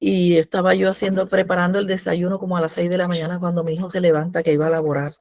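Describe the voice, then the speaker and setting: A woman's voice: on the low side, level tone, quick pace, a little mellow, no room sound. A woman giving a religious testimony in a devotional, telling her story with fervor and acting out the prayers she quotes. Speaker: devotional speaker.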